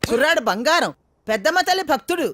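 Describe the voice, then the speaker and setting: A woman's voice: high voice, animated, fast talker. An actress playing a bossy old grandmother who scolds and orders others about in a film comedy scene. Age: older. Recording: film soundtrack with music behind.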